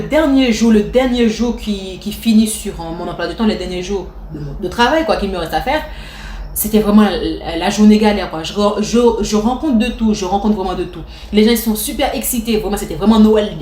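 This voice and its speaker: Chatty woman telling a story. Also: mid-range voice. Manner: lively retelling with restarts and acted quotes. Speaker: vlogger. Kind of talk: casual storytime. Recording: echoey room, faint noise.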